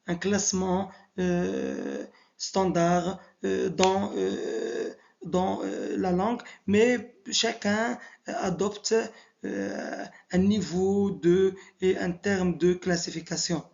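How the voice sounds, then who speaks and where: A man giving a slow, hesitant lecture with many pauses and repeated words. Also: high-pitched, vocal fry, a little mellow. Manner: halting, many "euh" pauses and repetitions. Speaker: teacher. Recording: dull lo-fi sound.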